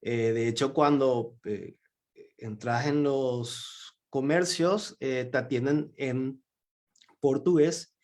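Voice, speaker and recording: A man's voice: medium pitch, slow, darkish tone. A man from Paraguay with a Paraguayan Spanish accent, giving a symposium talk in a hesitant way, with many fillers and restarts. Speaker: symposium speaker. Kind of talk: lecture talk.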